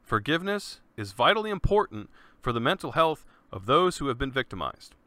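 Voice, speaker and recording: A man's voice: medium pitch, big pitch swings, fairly quick, bright, forceful tone, no echo. A man hosting his own podcast in a casual, earnest monologue, talking loosely and often saying "man". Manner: laid-back, earnest, peppers speech with "man" and swearing. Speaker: podcast host.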